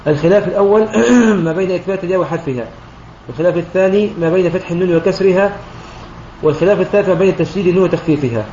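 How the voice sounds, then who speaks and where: A high-pitched man speaks quickly as a sheikh teaching Quranic recitation, explaining a poem line by line. His voice sounds roomy and dull, like lo-fi online voice chat with faint noise behind it. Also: dark tone. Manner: methodical, often pauses to clear his throat and correct himself.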